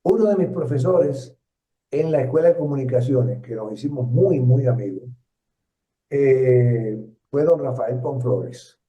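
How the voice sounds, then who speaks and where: A retired Puerto Rican journalist in his seventies tells stories during an interview, his medium-pitched, dark voice carrying a Puerto Rican Spanish accent. He sounds reflective and halting, with lots of fillers and restarts. The recording is roomy, distant and dull, with a lo-fi quality.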